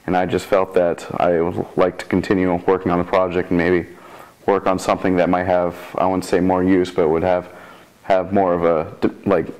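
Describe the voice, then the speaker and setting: A young man with a low voice gives an informal interview as a student developer. His intonation stays flat, and he often stops to rephrase what he is saying. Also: low-quality recording. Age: 20s. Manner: halting, frequently rephrasing mid-sentence. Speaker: computer science student developer. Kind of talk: informal interview about a project.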